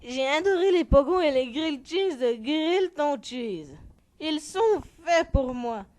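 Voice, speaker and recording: Woman playing a high-voiced grandmother in an infomercial testimonial. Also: lively intonation, slow pace, a little mellow. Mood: gushing. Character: delighted elderly grandmother giving an infomercial testimonial.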